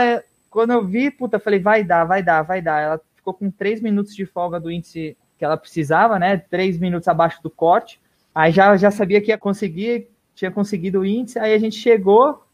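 A man telling a personal story in a casual interview, animated, swearing casually and trailing off softly at the ends of thoughts. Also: high-pitched. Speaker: guest runner.

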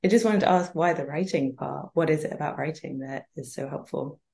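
Effusive, lower-pitched woman interviewer. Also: fairly quick, vocal fry, a little mellow. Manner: effusive, informal. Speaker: interviewer, host. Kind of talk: casual chatty interview.

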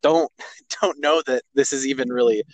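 In a casual podcast interview, a man in his twenties tells personal stories at a normal speed in a mid-range voice. He's an American whose upbringing was in Kazakhstan and Japan.

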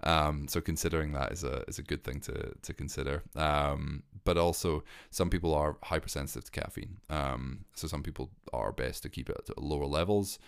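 Very deep-voiced man, smooth and dry. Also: normal speed, few pauses, no room sound. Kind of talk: casual chat.

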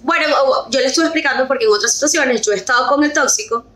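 A young woman with a Venezuelan accent, co-hosting a podcast and telling a story in animated casual chat, slipping English words into her Spanish. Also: high-pitched, quick pace, slight background noise. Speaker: podcast co-host. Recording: roomy echo.

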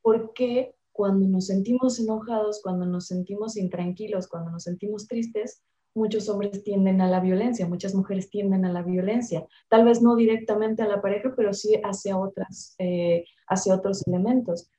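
A young Mexican woman talking casually about emotions, animated and acting out the voices she quotes. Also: medium pitch, moderate pace, echoey room, highs cut off. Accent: Mexican Spanish.

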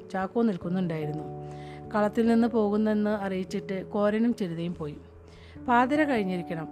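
Brief: female audiobook narrator, steady and measured, middle pitch, clear music underneath.

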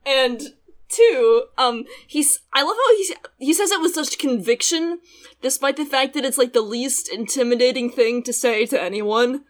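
A woman's voice: high voice, moderate pace. A woman co-hosting a podcast, recapping an anime episode in casual, sarcastic chat, often laughing and swearing now and then. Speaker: podcast co-host.

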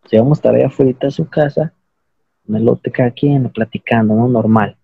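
A man's voice: medium pitch, brisk, vocal fry, husky, no echo, phone-quality sound. A young man with a Mexican accent telling a rambling, slangy, self-mocking story to friends on a call.

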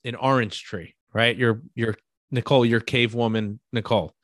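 A man's voice: mid-range voice, normal speed, fairly bright tone, no room sound, studio quality. A man with a New York accent, co-hosting a talk show and explaining ideas through everyday examples, often checking in with "right?". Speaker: podcast co-host. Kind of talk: casual conversational explaining.

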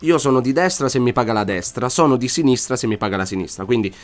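A man's voice: medium pitch, expressive, fast talker, soft background music. Sarcastic swearing man, podcast co-host. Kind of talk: casual crude banter.

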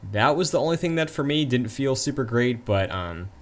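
A man's voice: medium pitch, expressive, normal speed. A man co-hosting a casual movie review chat, talking in long, rambling asides. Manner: chatty, trailing asides. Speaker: podcast co-host.

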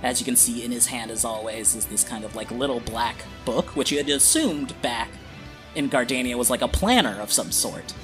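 A man acting as game master, improvising scene narration for a tabletop game in a halting, drawn-out way. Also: medium pitch. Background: guitar music.

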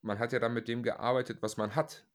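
A man hosts a casual sports podcast, chatting through the news in a conversational, explanatory way. His mid-range voice holds a level tone and a brisk pace.

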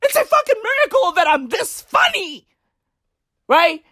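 With an extremely high-pitched voice and a slightly slow pace, a woman from southern Africa who speaks Tswana natively does a stand-up style rant as a comedian. It's animated, rambling, profane and full of slang. The recording is studio quality without echo.

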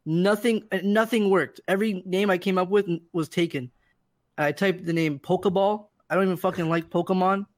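A man's voice: sits high, fairly even intonation, a little fast, no echo. A man in casual podcast chat, hesitant and stammering, repeating his words.

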